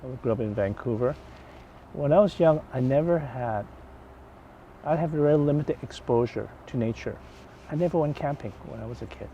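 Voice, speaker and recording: An older man from Hong Kong, a financial advisor giving an interview in the woods, thoughtful and halting, often restarting his phrases. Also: medium pitch, warm tone. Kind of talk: outdoor interview chat. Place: outdoors in the woods. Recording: dull lo-fi outdoor audio, faint noise.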